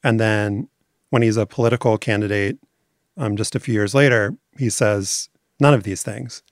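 A man's voice: fairly low pitch, moderate pace, dry recording. Articulate man explaining, dry sound. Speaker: documentary series maker as guest. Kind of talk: conversational interview.

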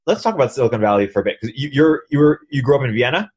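A man interviewing a guest, asking questions in a brisk, conversational way. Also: medium pitch, animated, dull audio.

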